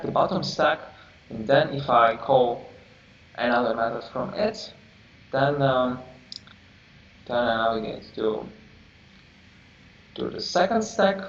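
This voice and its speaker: Man, programming lecture, halting speech, gravelly, distant mic, echoey room. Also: medium pitch. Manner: halting, searching for words, many restarts. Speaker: programming instructor. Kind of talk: live coding lecture. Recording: roomy, distant, dull lo-fi mic with faint hiss.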